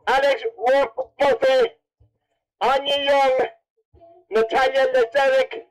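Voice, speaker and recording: Irish guy mcing an event, high pitched, jokey, chatting to people on the mic. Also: poor audio. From Cavan, Ireland. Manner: jokey, teasing. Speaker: MC of a best dressed contest at horse races. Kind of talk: announcing and interviewing over a public address.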